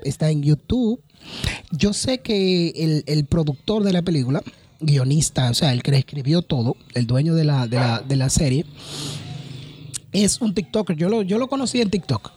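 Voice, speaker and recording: A woman's voice: sits low, dark tone, a little hiss or hum. A woman co-hosting a casual podcast chat, emphatic and often repeating her phrases while she thinks. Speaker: podcast co-host.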